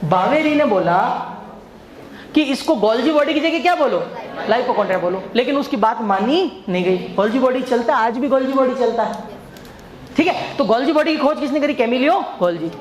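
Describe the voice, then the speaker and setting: A man's voice: very high-pitched, lively intonation, a little fast. A male coaching teacher giving an exam-prep biology lecture. He jokes and tells stories, and he keeps quizzing the class with repeated questions. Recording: echoey room, faint background noise.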